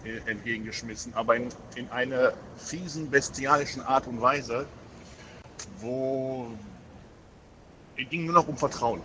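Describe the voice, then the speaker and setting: A man's voice: mid-range voice, a bit bright, lo-fi sound, a little hiss or hum. A man in his forties telling personal stories in a rambling, emotional way, with many hesitations and restarts. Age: 40s. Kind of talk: casual chat.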